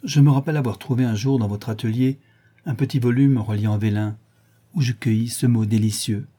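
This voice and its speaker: Man reading as a cool young dandy, lofty, languid, slightly raised pitch, dark husky tone, audiobook. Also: fairly quick, lightly acted. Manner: lofty, languid, self-assured. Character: young male aesthete, cool and detached.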